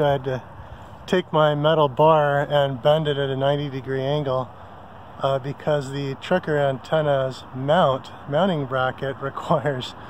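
A man with a slightly high voice vlogs casually at a riverside campsite, explaining how to do something on a handheld phone camera. He rambles, full of ums and self-corrections, with a little background noise.

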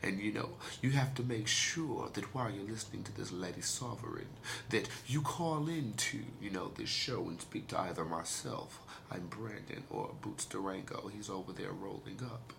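A man putting on a smooth, deep-voiced persona of a male radio fill-in host, speaking in a low, hushed, crooning way. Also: moderate pace, noisy background.

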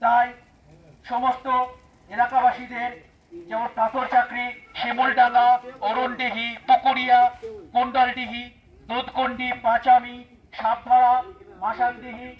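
A man reading a formal public warning from the forest department, heard through a megaphone loudspeaker. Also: extremely high pitch, completely flat delivery, a little slow, long pauses, muffled recording.

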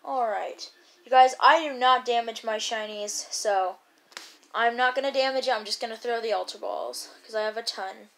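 A woman giving casual gameplay commentary as a YouTuber, rambling and chatty with excited bursts. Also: a little high, moderate pace, vocal fry, a little hiss or hum. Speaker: gaming YouTuber.

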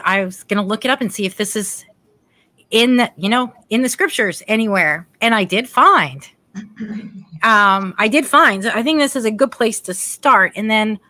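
A middle-aged woman podcast host leads a casual spiritual chat over a video call from a room in her home, using a desk mic. She talks chattily at a moderate pace in a mid-range voice, offering warm affirmations and reading scripture aloud, with no room sound.

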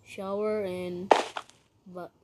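Gaming host, a woman; very slow, halting delivery with constant restarts, casual, recorded on a home computer mic with loud noise and clicks underneath. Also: on the low side, flat delivery. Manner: halting, with many restarts and simple phrasing. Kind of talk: casual gameplay commentary, house tour.

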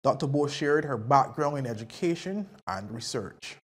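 Woman reading news voice-over, expressive. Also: extremely low pitch, slightly rough. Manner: measured reporting. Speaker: news narrator.

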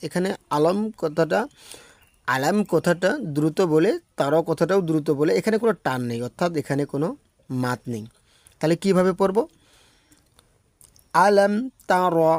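A man with a voice on the high side teaches Quran recitation, patiently explaining correct pronunciation and correcting common mistakes. He demonstrates in a slow, drawn-out chant. There is no echo.

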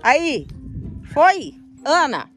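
A woman casually directing a prank in a home video, with quick, chatty instructions. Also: high voice, wildly swooping pitch, a bit bright, faint music behind. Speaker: prank accomplice in a vlog. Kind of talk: casual vlog chat.

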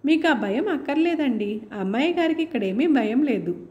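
A woman's voice: high-pitched, expressive, normal speed, a little mellow, muffled recording. A woman voicing a flustered, deferential male house servant with an East Godavari Telugu accent, drawling his words, in a storybook reading. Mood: hurried polite.

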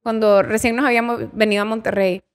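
A woman, a child psychologist explaining calmly in a casual interview. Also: a little high, fast.

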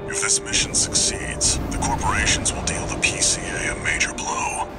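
A stern, gruff handler played by a man gives mission orders in a low, breathy, restrained delivery. Loud music runs behind this terse sci-fi game briefing. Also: normal speed, natural voice.

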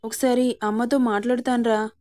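A gentle young newlywed in a spoken story, coaxing and easily hurt, voiced by a woman narrator. The tone is fairly high and warm. It stays close to the reader's own voice. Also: flat delivery, brisk, lightly acted. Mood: anxious. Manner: soft and coaxing, sometimes tearful.

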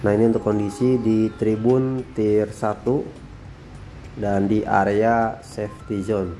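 A man narrating his drone footage as a voice-over, calm and unhurried, often tagging sentences with a soft "ya". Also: lowish voice, soft background music. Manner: calm, repeats phrases, frequent tag "ya". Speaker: drone vlogger.

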